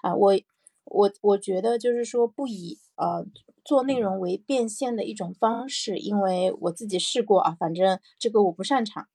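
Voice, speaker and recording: On her personal morning show, a woman reflects casually to listeners, repeating phrases and tossing in small check-in questions as she thinks aloud in a solo podcast. Her mid-range voice is mellow and slightly rough, at normal speed, with no room sound.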